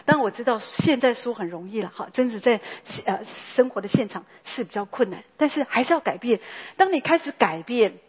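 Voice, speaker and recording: A woman's voice: a little high, expressive, brisk, husky, lo-fi sound. A woman, a pastor's wife preaching a sermon in a chatty way, full of tag particles and fillers.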